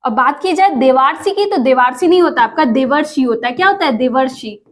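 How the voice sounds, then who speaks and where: A woman's voice: high voice, lively intonation, a little fast. A woman teaching an exam prep lesson, asking questions and repeating each answer for viewers. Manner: addresses viewers as friends, asks and repeats answers.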